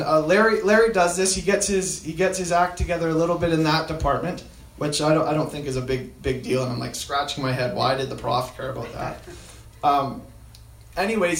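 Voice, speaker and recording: Male storyteller, slightly high voice, halting delivery with fillers, roomy echoey sound. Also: fairly bright tone. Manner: halting, with frequent fillers and restarts. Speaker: speaker retelling a story. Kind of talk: storytelling talk.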